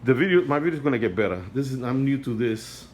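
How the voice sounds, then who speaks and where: Now sounding animated at a medium pitch, the non-native English speaker again films his indoor aquarium by phone for a casual walkthrough. He stumbles, restarts and repeats himself with earnest pleading, over slight background noise.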